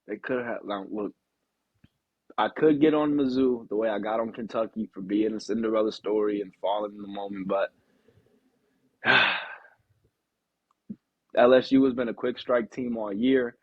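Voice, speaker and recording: A man's voice: lowish voice, normal speed, long pauses, slightly rough, dry recording, narrow, tinny audio. A young man co-hosting a sports podcast, talking casually with lots of slang and frequent laughs. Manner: animated, slangy, laughs often. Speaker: podcast co-host.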